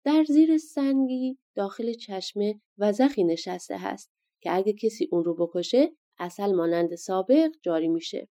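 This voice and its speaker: A woman's voice: medium pitch, expressive, natural voice. A woman voicing an irritable male giant ogre in a storybook reading. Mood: grumbling. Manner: shouting, irritable.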